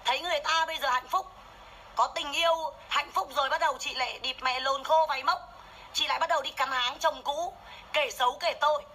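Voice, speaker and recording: Livestreaming her makeup routine on her phone, a woman scolds and curses without pause in a furious rant. Her high voice is brisk and sharp. The low-quality phone camera audio carries a little hiss or hum.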